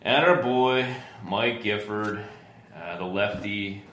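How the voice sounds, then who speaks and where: A man with a deep, low-pitched voice that sounds groggy and tired chats casually as a podcast co-host. He rambles easily through stories, padding them with fillers. The room around him is echoey, with a faint hiss of noise behind. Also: slow pace, a bit bright. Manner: easygoing, filler-heavy storytelling. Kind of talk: casual chat.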